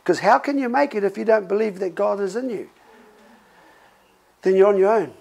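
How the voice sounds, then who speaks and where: A man's voice: sits high, normal speed, vocal fry, lo-fi sound. A middle-aged male pastor preaching in a conversational, storytelling way. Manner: conversational, animated storytelling with laughs. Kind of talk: sermon.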